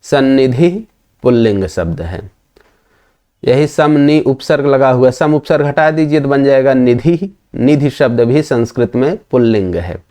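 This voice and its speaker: A man explains grammar in a slow, measured lecture. His pitch sits mid-range, and he works through each point patiently, repeating it and answering his own questions. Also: expressive, mellow. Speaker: Sanskrit grammar teacher. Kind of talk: explanatory lesson.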